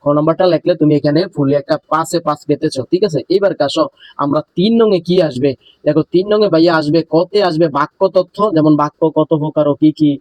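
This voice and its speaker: Young male tutor, brotherly and quick, slightly high voice, dry close mic. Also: darkish tone, rough recording. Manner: brotherly, repeatedly calls students "bhaiya". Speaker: teacher. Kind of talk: exam-prep tutorial.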